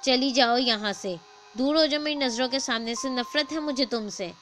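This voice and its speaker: Woman voicing harried storybook mother of two, emphatic and pitched high, with a faint hum behind her. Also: fairly bright tone, close to an everyday voice. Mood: angry. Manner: emphatic, raised dialogue voice. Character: harried adult mother of two young daughters. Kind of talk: storybook dialogue.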